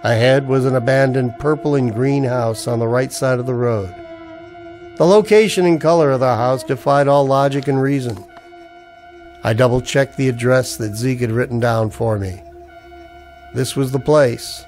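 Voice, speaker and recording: In an old-time radio drama, a man plays a broke, wary army-veteran husband narrating his noir misadventure in the first person, sardonic and colloquial, wry and uneasy. His mid-range, natural voice is a little mellow at normal speed, with faint music behind.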